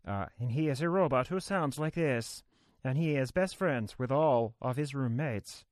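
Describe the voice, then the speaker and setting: A man putting on a robot voice, speaking in a stiff, even, computer-like way as a friendly male robot. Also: medium pitch, normal speed, dry recording, clean studio sound. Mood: cheerful. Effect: robot voice done by mouth, no filter. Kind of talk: podcast chat, showing a funny voice.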